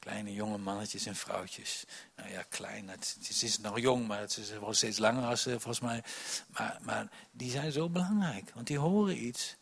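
Dutch-speaking man preaching a lively sermon. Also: mid-range voice, moderate pace, vocal fry, husky. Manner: storytelling, animated, many restarts, swings from soft to loud.

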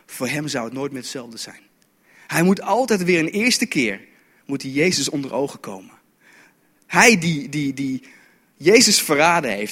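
A man's voice: on the high side, a bit bright. A man preaching a sermon as a story, often stumbling and repeating words as he goes. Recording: long reverb of a hall.

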